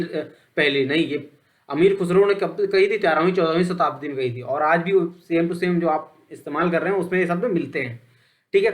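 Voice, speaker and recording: Male lecturer, slightly high voice, chatty explainer who quizzes and answers himself. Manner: conversational, repeats points with "ठीक है"; poses questions then answers them. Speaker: teacher. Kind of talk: online lecture.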